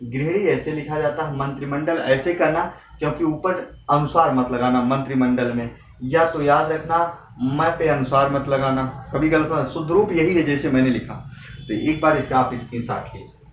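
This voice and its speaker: A young man teaches Hindi spelling for exams, repeating each right and wrong form in an earnest, motivating way. His voice sits a little high. The recording is dull and roomy, with the mic some way off and faint noise underneath. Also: moderate pace. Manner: earnest, repetitive, drilling correct and wrong forms; motivating, addresses students directly. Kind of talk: exam-prep spelling lesson. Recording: echoey room, from a distance, dull sound with faint noise.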